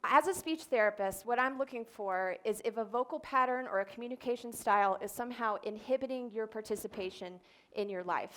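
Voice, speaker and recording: A woman, a speech therapist, giving an explanatory talk on stage and demonstrating voice sounds. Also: medium pitch. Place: event stage before an audience.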